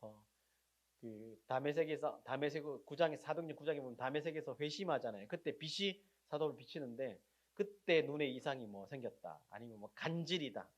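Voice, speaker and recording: A male pastor preaching a sermon, putting questions to the congregation and answering them himself, and swinging from loud emphatic lines to very quiet endings. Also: medium pitch, expressive, fairly quick.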